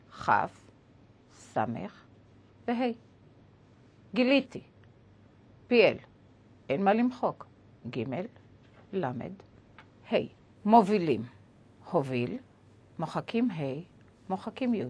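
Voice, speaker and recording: A woman teaches a lesson with a slightly husky voice. Her pitch rises and falls a lot as she explains. She goes step by step and spells out letters one at a time.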